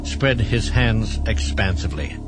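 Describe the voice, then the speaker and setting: A man narrating an audiobook in a measured storytelling manner. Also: on the low side, music in the background. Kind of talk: scripted narration.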